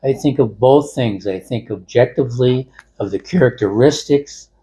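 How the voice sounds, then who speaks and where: An older man in casual elderly couple banter, speaking haltingly and repeating words with emphatic swings. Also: medium pitch, warm tone. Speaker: co-host in a couple's discussion. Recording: noticeable background room noise.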